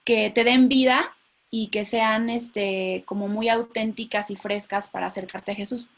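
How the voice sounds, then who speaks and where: A woman's voice: a little high, fairly even intonation, unhurried. A woman host asking a guest an interview question in a conversational way.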